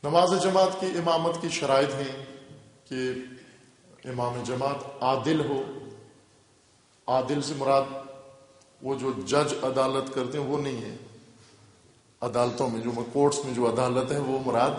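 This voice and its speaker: A man's voice: mid-range voice, fairly even intonation, long pauses. A male Islamic scholar giving a religious lecture with a Pakistani Urdu accent, explaining step by step and repeating key terms for emphasis. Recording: echoey hall reverb.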